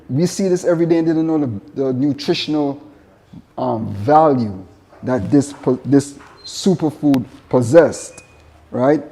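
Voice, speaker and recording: With a warm, mid-range voice, a man from Jamaica talks in a Jamaican accent during a casual presentation about his work as a vegan chef. He comes across as earnest, repeating himself and weaving in spiritual asides.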